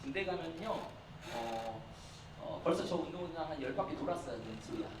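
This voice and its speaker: A man's voice: on the high side, animated, moderate pace. A young man, a youth pastor, preaching to middle schoolers in a coaxing, playful way and often raising his voice for emphasis. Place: church hall. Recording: echoey hall from far off, faint noise.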